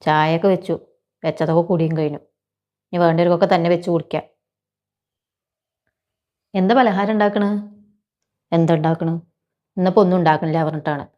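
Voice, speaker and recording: Woman playing a young daughter-in-law, sarcastic, quarrelsome, low-pitched, fast-talking, family drama. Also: fairly even intonation, dull audio, lightly acted. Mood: bickering. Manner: sharp, sarcastic bickering. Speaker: actor in a family short film. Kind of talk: domestic drama acting.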